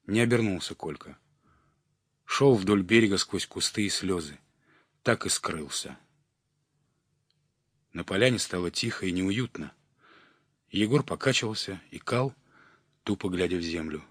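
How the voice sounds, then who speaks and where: A man narrating a literary audiobook in a measured, expressive storytelling manner. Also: low voice, husky, dry recording, studio quality.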